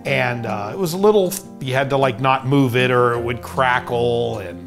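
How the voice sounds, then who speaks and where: A man recalling his time producing a low-budget film in a relaxed, rambling interview. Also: moderate pace, over music. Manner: rambling, casual recollection with many fillers. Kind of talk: documentary interview.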